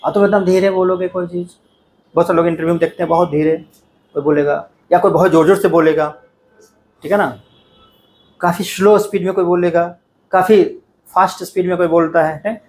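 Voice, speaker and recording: A man's voice: high-pitched, steady tone, brisk, pauses often, darkish tone, a little hiss or hum. A middle-aged man teaching a class, lecturing students directly in a conversational classroom style and often checking they follow. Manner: addresses students directly, repeats "ठीक है ना" often. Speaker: coaching teacher.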